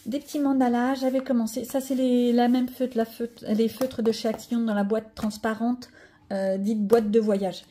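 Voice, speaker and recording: A woman's voice: on the high side, level tone, normal speed, warm tone. A woman chatting casually to viewers about her coloring books, rambling with many asides and fillers. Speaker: coloring vlogger. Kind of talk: casual chat showing coloring pages.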